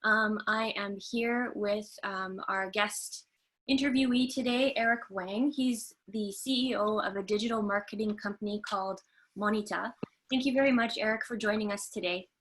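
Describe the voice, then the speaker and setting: A woman's voice: medium pitch, moderate pace, a bit bright. A woman from Canada hosting a video-call webinar interview, polite and a little hesitant with frequent fillers. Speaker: host and trainer.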